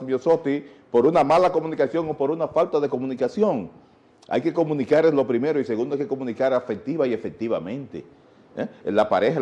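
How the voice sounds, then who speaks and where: A Dominican man speaks as a guest teacher in a TV interview. His voice is mellow and dark, and the sound is dull and lo-fi. He lectures patiently and poses rhetorical questions. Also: mid-range voice. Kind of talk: TV interview, explaining.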